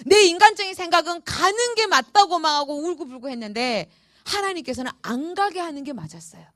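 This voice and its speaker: A woman pastor preaching a sermon and telling her own story in an emphatic, expressive way. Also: very high voice, a little fast, dry recording, clean studio sound. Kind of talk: sermon with personal testimony.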